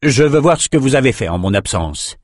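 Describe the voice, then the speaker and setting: A man voicing a brisk, businesslike general. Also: mid-range voice, big pitch swings, no room sound, studio quality, voice pushed up. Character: brisk general taking back command.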